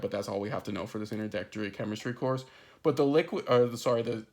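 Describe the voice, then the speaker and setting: A man at a mid-range pitch talks through a chemistry lesson for his students. He explains each idea step by step. He keeps pausing to check in with "okay?" and "right?". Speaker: chemistry instructor. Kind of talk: recorded lecture.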